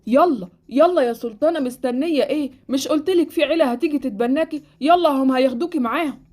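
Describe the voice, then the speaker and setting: A woman's voice: sits high, fast talker, darkish tone, close to an everyday voice. A woman voicing a sleepy, fussy old man who runs an orphanage, with an Egyptian accent, in a Roblox story with light music behind. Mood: fussing. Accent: Egyptian Arabic.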